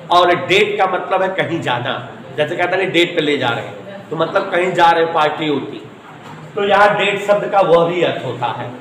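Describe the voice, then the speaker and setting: Animated man teaching in echoey room. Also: fairly high pitch, slight background noise. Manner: asks students questions, spells out words. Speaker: physics teacher. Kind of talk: classroom lecture.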